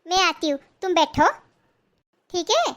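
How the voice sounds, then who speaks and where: A woman's voice: extremely high pitch, sing-song, a little slow, full character voice. A woman playing a chatty married daughter who is visiting her family home, in a comedy skit. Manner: chatty, coaxing.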